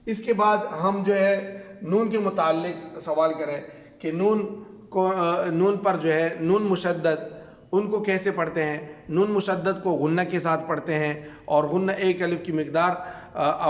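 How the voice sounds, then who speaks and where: Urdu-speaking man teaching in an echoey room. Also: high voice. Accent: Pakistani Urdu. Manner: steady question-and-answer drilling, frequent fillers. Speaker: Quran reading teacher. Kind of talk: teaching a lesson at a whiteboard. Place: classroom with a board. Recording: echoey room with long reverb.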